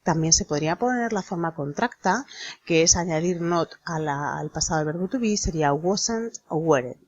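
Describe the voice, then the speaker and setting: A woman explaining an English grammar lesson in a slow, deliberate manner, spelling out letters. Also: sits low, expressive, lo-fi sound, slight background noise. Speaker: English teacher.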